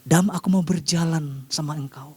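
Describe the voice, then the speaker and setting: High-voiced Indonesian male preacher. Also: moderate pace, husky, no room sound. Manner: addresses congregation often, lively rises in pitch for emphasis. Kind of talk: sermon.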